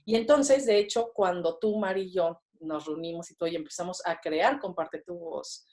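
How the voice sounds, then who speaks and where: This podcast guest is a Mexican woman in her thirties with a fairly low, darkish voice and a moderate pace. She speaks with a Mexican Spanish accent, and her casual interview talk is peppered with fillers and tag questions.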